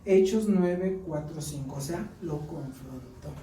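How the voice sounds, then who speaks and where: Speaking a little slowly in a low-pitched voice, a woman with a Mexican accent delivers an earnest church Bible lesson interspersed with personal stories. The recording comes from a church hall, with the mic far off, echo, and background noise.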